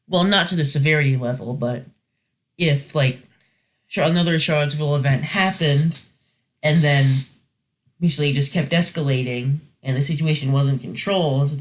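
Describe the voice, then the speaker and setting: A man hosting a weekly video series gives a casual, unscripted review, rambling hesitantly and often correcting himself. His voice is on the high side and a bit bright.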